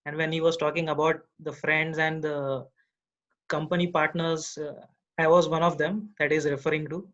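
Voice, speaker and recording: Man, earnest and thoughtful, higher pitch, dull lo-fi video call sound. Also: little pitch movement, normal speed, a bit bright. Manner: earnest, thoughtful, many restarts. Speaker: meeting participant. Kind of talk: spoken reflection.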